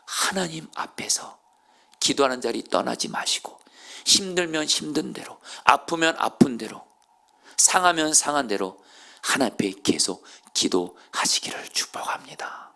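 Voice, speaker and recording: A man preaching a sermon as pastor at a Friday evening church service. He tells a story and speaks straight to the congregation, dropping to hushed near-whispers and then rising to loud, impassioned appeals. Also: on the high side, lively intonation, moderate pace, gravelly. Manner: storytelling, addresses the congregation directly.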